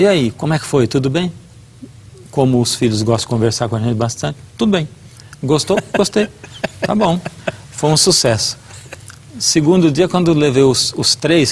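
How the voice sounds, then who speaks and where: A middle-aged man speaks as a guest preacher, his voice a little husky and breathy at mid pitch. He tells a family story with earnest warmth of purpose and acts out the lines of each person. It is a devotional talk in a conversational setting.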